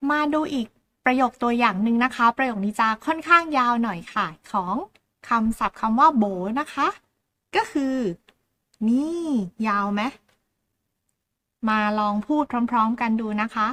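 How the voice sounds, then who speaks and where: A woman with a high voice and a Southern Thai Phuket accent gives a language lesson as a channel host. She patiently repeats each word slowly for learners. The recording is dry and close, with no room sound. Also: a bit bright, dry recording.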